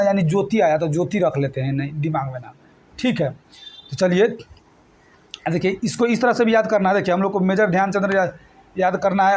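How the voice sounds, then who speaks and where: A man's voice: sits high, darkish tone. A male teacher leading a classroom exam-prep lesson, quizzing students with call-and-response questions and repeating mnemonics. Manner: repetitive mnemonic chanting.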